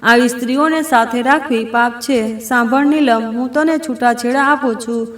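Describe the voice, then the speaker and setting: A woman voicing an angry, accusing young husband who shouts with contempt, in an echoey room. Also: on the high side, normal speed, lightly acted.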